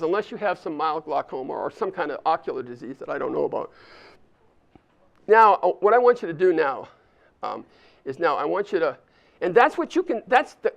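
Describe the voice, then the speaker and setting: A high-pitched older man with vocal fry addresses a live audience at an alumni volunteer summit held in a university event space. His leadership talk is chatty, and he walks the listeners through a hands-on exercise.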